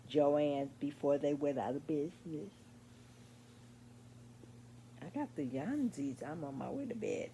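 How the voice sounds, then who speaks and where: A woman in her sixties showing her crochet work in a casual vlog at home late at night, sleepy and meandering, with many pauses and ums. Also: deep voice, gravelly, warm tone, slight background noise. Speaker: crochet vlogger. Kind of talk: casual show-and-tell vlog.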